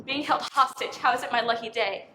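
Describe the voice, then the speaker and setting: In an echoey, noisy room, an actress plays a young female hostage in a film drama. Her high voice is wary and frightened. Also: steady tone, brisk, lightly acted. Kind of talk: film acting.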